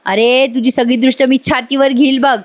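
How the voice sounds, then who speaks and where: A woman's voice: high voice, level tone, normal speed, close to an everyday voice. A woman voicing a cheeky young man who teases his aunt, in a serial recap. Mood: teasing. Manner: teasing.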